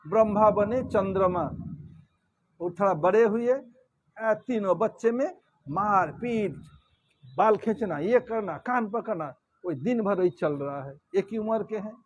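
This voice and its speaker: A man with a high voice tells a scripture story as a sermon in a temple hall. He keeps it lively and acts out the characters as he goes. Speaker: preacher.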